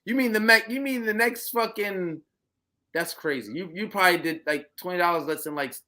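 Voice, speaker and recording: A man's voice: high voice, pushed and bright. A man co-hosting a podcast, teasing and cursing in casual chat and saying "yo" a lot. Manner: joking, profane, quick to tease, says "yo" a lot. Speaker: podcast co-host.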